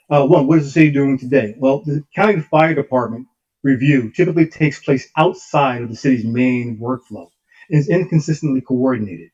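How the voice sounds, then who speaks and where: A man's voice: medium pitch, darkish tone. A man giving a formal presentation over a remote call whose audio keeps cutting out and glitching. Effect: choppy audio that keeps cutting out. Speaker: consultant presenting to a commission. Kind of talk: formal presentation read from slides. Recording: dull lo-fi remote call line.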